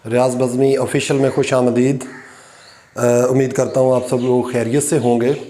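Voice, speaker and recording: A man teaching an online lecture, explaining slowly with many fillers and repeated examples. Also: medium pitch, flat delivery, dark tone, echoey room, slight background noise.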